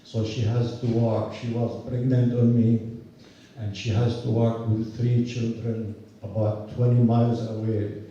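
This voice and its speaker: Slow-talking older man at a rally. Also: medium pitch, flat delivery, dark tone, heavy reverb, distant mic, dull audio, a little hiss or hum. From Palestine. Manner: earnest, measured storytelling with restarts. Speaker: rally speaker, university professor. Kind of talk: rally speech. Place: outdoor rally.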